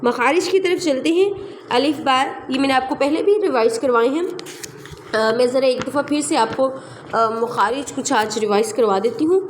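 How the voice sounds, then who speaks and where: A woman teaching a recitation class online, explaining patiently and repeating sounds and examples slowly. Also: high voice, a little hiss or hum. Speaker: tajweed teacher.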